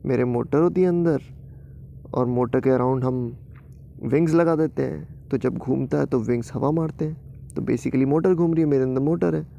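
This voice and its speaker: A man's voice: mid-range voice, moderate pace, gravelly, dark tone, slight background noise, lightly acted. A man voicing a hurt, complaining talking ceiling fan in a bedtime story. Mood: explaining. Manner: plaintive, complaining.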